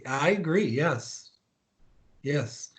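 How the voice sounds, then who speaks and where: Man, interviewer, high pitch, slow deliberate pace, agreeable questions. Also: animated. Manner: friendly, agreeable, asks questions.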